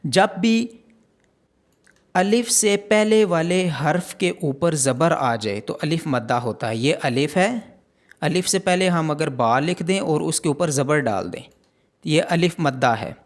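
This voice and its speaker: In a step-by-step pronunciation lesson on reading the Quran, a man with a Pakistani Urdu accent slowly repeats letter sounds as a drill. His voice is fairly high-pitched and expressive.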